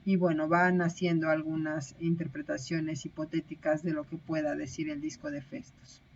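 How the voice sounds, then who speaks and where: A woman's voice: sits low, level tone, normal speed, creaky, darkish tone, dull audio, a little hiss or hum. A woman teaching a recorded online lecture, explaining step by step with frequent hesitations and self-corrections.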